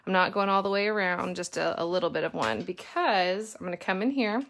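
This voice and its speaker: A woman's voice: lowish voice, animated, a little fast, fairly bright tone. A woman chatting casually as she leads a painting lesson in her home studio, talking through each step. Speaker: lettering teacher and mother.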